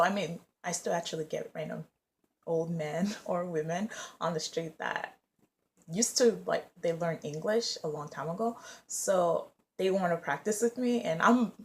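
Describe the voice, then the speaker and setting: A young woman in her twenties, raised in the US, chatting casually and rambling with lots of fillers. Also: on the low side. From Nigeria, raised in the US. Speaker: vlogger and English teacher. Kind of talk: casual vlog chat.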